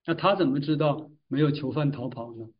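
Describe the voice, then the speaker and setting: A man's voice: medium pitch, slightly rough. Man teaching scripture, distant dull recording. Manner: measured, explanatory storytelling. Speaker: Bible teacher. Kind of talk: Bible exposition. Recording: distant mic, dull lo-fi sound.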